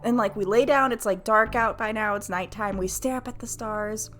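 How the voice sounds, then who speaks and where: Over soft background music, an American-accented Florida woman shares a frank personal story with her live stream chat at a moderate pace, her voice sitting in the mid range. She mocks herself, performs the dialogue she quotes, and keeps it lively, slangy, profane, and heavy on "like."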